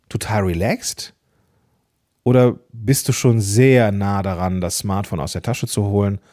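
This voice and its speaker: A man hosting a solo podcast episode, giving tips in a casual, lively way, playing with emphasis and pauses. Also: lowish voice. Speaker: podcast host.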